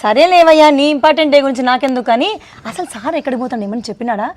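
Woman, high voice, very fast, scolding, comic sketch. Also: darkish tone. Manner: fast, scolding, quick-tempered. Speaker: suspicious wife in a comedy skit.

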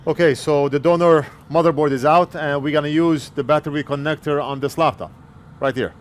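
Working at an indoor electronics bench, a repair technician in his forties explains each step of a fix in a plain way, talking while he works into a wired earpiece headset mic. His voice sits on the high side, with fairly even intonation and a slightly fast pace.

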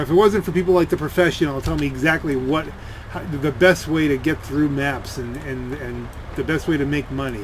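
This man's voice is slightly high and the recording is rough. He's a gaming video creator giving grumbling, sardonic, unscripted commentary as he plays, with clear vehicle and gunfire sounds from the driving-and-shooting game in the background.

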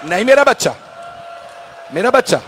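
A male preacher giving a mourning sermon recital, telling the story with emotional, drawn-out delivery. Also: very high voice, big pitch swings, fairly bright tone, some chatter behind, a little hiss or hum.

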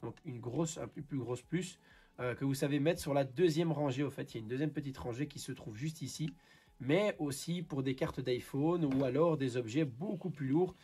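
A man's voice: mid-range voice, moderate pace, warm tone, husky. A man with a Belgian French accent, a repair technician giving a product review and explaining as he demonstrates hands-on.

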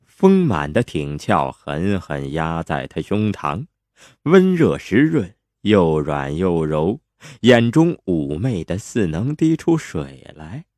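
A man narrating a romance novel with expressive, playful storytelling. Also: sits low, takes it slowly, no room sound.

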